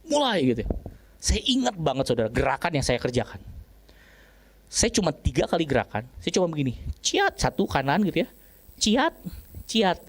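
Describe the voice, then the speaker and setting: Lively storytelling male pastor. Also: medium pitch. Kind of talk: storytelling sermon.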